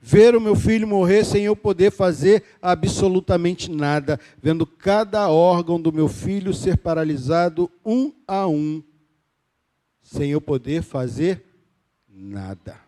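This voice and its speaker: A Brazilian pastor in his fifties delivers a sermon in a notably high voice. He builds rhythmic, repeated phrases to loud emphasis, then drops to a hushed, soft delivery. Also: a little slow.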